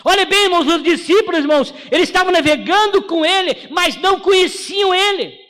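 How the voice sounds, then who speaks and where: A man preaching a sermon with a Brazilian Portuguese accent, often rising to impassioned shouting. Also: extremely high pitch, fairly quick, big-room sound. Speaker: pastor.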